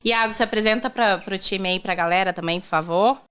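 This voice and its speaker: A woman's voice: medium pitch, fairly quick, a bit bright, clean tone. A young woman hosting a casual podcast chat, upbeat and friendly, laughing often. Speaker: podcast host. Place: studio.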